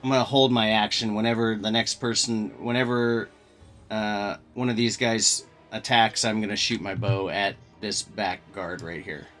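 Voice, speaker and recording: A man's voice: lowish voice, steady tone, normal speed, fairly bright tone, faint music behind. A man playing a tabletop game, thinking his moves through aloud with fillers. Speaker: player. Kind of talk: casual tabletop game chat.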